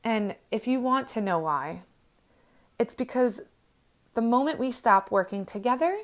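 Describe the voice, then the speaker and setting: Earnest young woman, gentle motivational talk. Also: fairly high pitch, lively intonation, a little slow. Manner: earnest, gentle, many ums and restarts. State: emotional, near tears. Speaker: host. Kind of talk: heartfelt motivational monologue.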